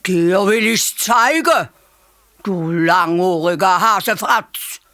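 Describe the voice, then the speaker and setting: A woman with a Swiss German accent voicing a big mother elephant who scolds loudly. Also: on the low side, sing-song, slow, no echo, studio quality, full character voice. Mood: indignant scolding. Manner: scolding, loud.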